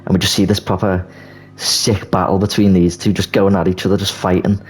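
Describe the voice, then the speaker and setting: A young video creator with a deep, husky, level voice retells a movie plot idea fairly quickly over soft background music. His delivery is casual and rambling, heavy on filler words.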